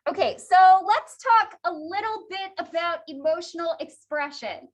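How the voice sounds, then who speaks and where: A woman's voice: very high voice, lively intonation, moderate pace. A woman teaching a psychology class in a chatty, conversational lecture style, laughing often. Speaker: psychology instructor.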